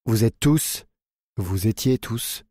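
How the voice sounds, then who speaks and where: A man voicing a grave, secretive man slowly confessing the truth. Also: lowish voice, dry recording, clean studio sound. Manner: grave, deliberate, hushed.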